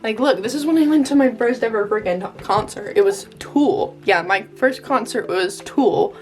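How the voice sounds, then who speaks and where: A woman's voice: fairly high pitch, moderate pace. A young American woman chatting casually in a vlog with a gushing valley girl manner, peppering her talk with filler words. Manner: valley girl delivery, frequent "like" and "totally cute", gushing. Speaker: vlogger. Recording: music behind the voice. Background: background music.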